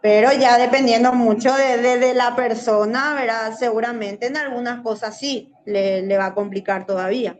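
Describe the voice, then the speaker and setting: A woman's voice: on the high side, steady tone, normal speed, hardly any pauses. A woman from Paraguay with a Paraguayan Spanish accent, a Guaraní teacher answering radio interview questions in an explanatory way that keeps tagging "¿verdad?". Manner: explanatory, often adds "¿verdad?". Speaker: guest, Guaraní language teacher.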